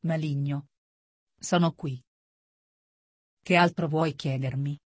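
Woman voicing a low seething devil. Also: steady tone, slow, no echo, clean studio sound. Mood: hateful. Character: the devil, male, contemptuous and hateful. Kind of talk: audiobook reading.

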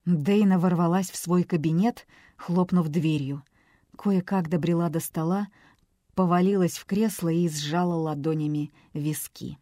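Warm-voiced woman reading a novel. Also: lowish voice, steady tone, measured pace, no echo, studio quality. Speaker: audiobook narrator. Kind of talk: scripted narration.

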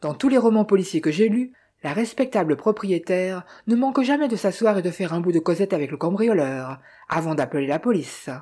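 A woman's voice: on the low side, animated, fairly quick, hardly any pauses, dark tone, slightly rough. A woman voicing a stern, ironic lady of the house in an audiobook, dry and commanding.

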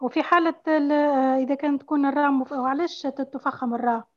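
High quick-voiced maghrebi woman student, halting questions, muffled call audio. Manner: hesitant, many pauses and fillers. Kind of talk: asking questions in class.

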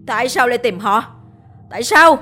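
A woman's voice: a little high, lively intonation, moderate pace, sharp tone, voice pushed up. A woman voicing a grief-stricken man who wails and pleads for forgiveness, reading a ghost story with faint music behind. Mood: anguished. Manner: wailing, pleading.

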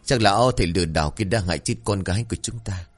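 Calm, level-headed village father in a told folk tale, low reassuring voice, read by a male narrator. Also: fast talker, soft background music. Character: steady middle-aged village father, calm.

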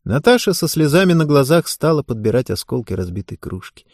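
Brief: man reading an audiobook, animated intonation, mid pitch. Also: a little fast, husky, no room sound, clean studio sound. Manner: expressive storytelling. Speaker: narrator. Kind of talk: audiobook narration.

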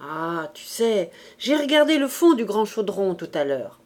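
A woman's voice: mid-range voice, sing-song, unhurried, darkish tone. A woman voicing a timid young boy in a French audiobook, answering in small, pleading replies.

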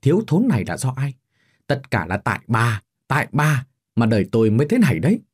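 Man doing a rude angry son, snappy and contemptuous, husky voice. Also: mid-range voice, sing-song, a little fast. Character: rude, scornful grown son, hot-tempered. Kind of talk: storybook narration with voiced characters.

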